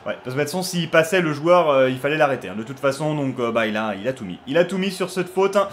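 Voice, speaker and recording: Young guy commentating his football game, fairly high voice, chatty, lots of uhs, gets shouty on goals. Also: animated, fast talker, a little hiss or hum. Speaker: gaming YouTuber. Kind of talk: casual gameplay commentary.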